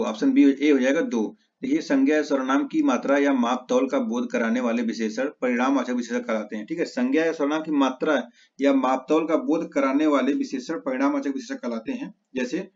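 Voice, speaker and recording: A male teacher giving an exam-prep lesson, reciting word pairs in quick lists and correcting his own slips. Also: mid-range voice, darkish tone. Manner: rapid list recitation with self-corrections. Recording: slightly dull lo-fi audio.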